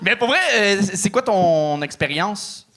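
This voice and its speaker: A man's voice: sits high, lively intonation, unhurried, noisy background. A Quebec French man hosting a live comedy show, jokey and encouraging toward a contestant. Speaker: show host. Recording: live crowd in the room.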